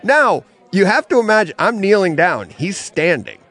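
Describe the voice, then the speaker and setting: A middle-aged man co-hosting a casual podcast from a comic bookstore, telling an animated story and laughing often. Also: high voice, normal speed. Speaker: podcast co-host.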